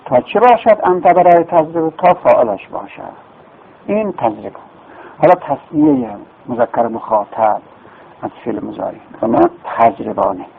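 In this phone-like lo-fi recording with a faint hiss or hum, a male grammar teacher speaks with a fairly high, animated voice and some vocal fry. He explains things patiently in the classroom, repeats terms, and poses questions he then answers himself.

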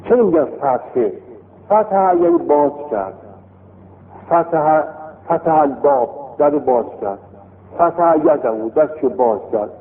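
A man teaching a classroom lesson on Arabic vowel marks, explaining lively and repeating key terms with rising emphasis. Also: a little high. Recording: lo-fi phone-like recording in a reverberant hall with faint noise.

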